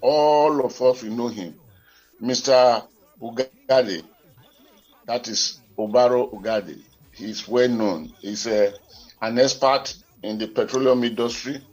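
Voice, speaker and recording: A man's voice: medium pitch, slow, darkish tone. A Nigerian man co-hosting a radio current affairs show, heard over a telephone line, talking in a formal, wordy and digressive way. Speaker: radio talk show co-host.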